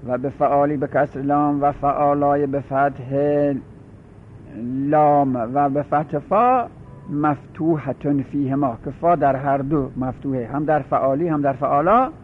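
A man's voice: fairly high pitch, fairly even intonation, slight background noise. Man lecturing over tinny phone-like audio. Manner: methodical, repeats and spells out word patterns. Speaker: teacher. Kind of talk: classroom grammar lecture.

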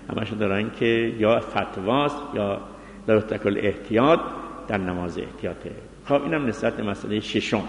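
A man's voice: lowish voice, vocal fry. Man lecturing on religious law, hall echo. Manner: explains point by point, reading Arabic text then glossing it. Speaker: seminary teacher of Islamic law. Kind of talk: jurisprudence lecture.

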